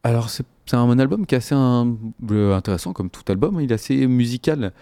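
A man's voice: medium pitch, animated, fast, mellow, no echo. A man hosting a radio music show, presenting casually between tracks in a hesitant, rambling way, full of fillers. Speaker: radio host.

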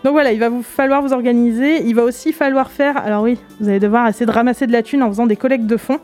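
A French woman co-hosting a radio show, presenting a board game in relaxed chat, hesitant with many fillers. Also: fairly high pitch, fast talker. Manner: chatty, hesitant with many fillers, laughs easily. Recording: radio studio with faint music behind.

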